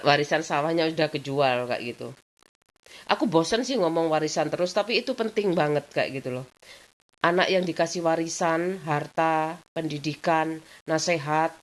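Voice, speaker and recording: Lady vlogging, low voice, rambly chatty storytime, keeps saying the same filler stuff. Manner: chatty, rambling, repeats filler phrases often. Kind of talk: casual personal storytelling.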